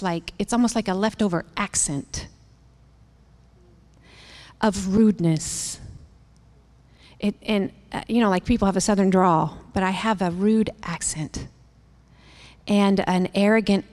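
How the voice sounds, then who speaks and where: A woman in her fifties hosting a devotional talk, candid and animated, laughing as she tells stories. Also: mid-range voice. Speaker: women's ministry host. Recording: long reverb.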